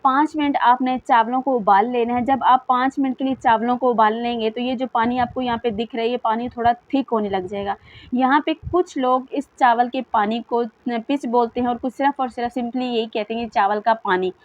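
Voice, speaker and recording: A woman's voice: a little high, steady tone, brisk, dry recording, dull audio. A woman giving a chatty, repetitive voice-over for a home beauty recipe, addressing viewers as friends. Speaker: beauty vlogger.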